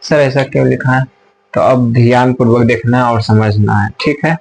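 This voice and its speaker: A man's voice: mid-range voice, fairly even intonation, moderate pace, vocal fry, darkish tone, poor audio. A man teaching a math class at a whiteboard, repeating his points and asking and answering his own questions, sometimes turning away from the camera.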